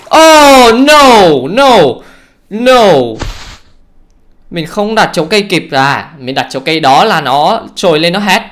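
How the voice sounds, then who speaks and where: A man giving let's play commentary on a horror game, excitable and often exclaiming and swearing casually. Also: on the high side, brisk, hardly any pauses, slight background noise. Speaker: gamer, channel host.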